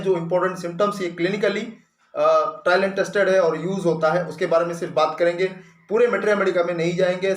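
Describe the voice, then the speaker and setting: A man explains medicine in a patient, teacherly way, dropping English medical terms into Hindi. His voice sits a little high for a man. The room has a noticeable echo. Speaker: homeopathy doctor. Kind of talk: explanatory clinical lesson. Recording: echoey room.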